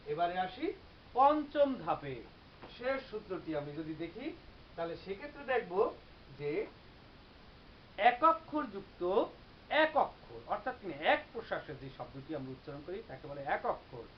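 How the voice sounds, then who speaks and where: A teacher giving a grammar lecture, explaining step by step and repeating example words slowly. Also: mid-range voice, very animated. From Bangladesh. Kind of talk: classroom-style grammar lecture. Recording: slightly dull recording with faint hiss.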